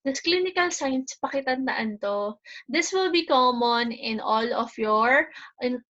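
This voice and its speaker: A young woman with a Filipino accent lectures to her class in a fairly high voice. She slips between English and Tagalog in the middle of sentences and adds small checking questions. The sound is slightly dull and lo-fi, like a video call. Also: lively intonation, unhurried, pushed and bright. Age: young adult. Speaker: teacher. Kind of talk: online lecture, explaining slides to a class.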